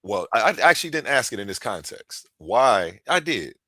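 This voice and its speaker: A man interviewing a guest in a relaxed way, correcting himself as he asks his questions. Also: medium pitch, moderate pace, no echo. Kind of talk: casual interview.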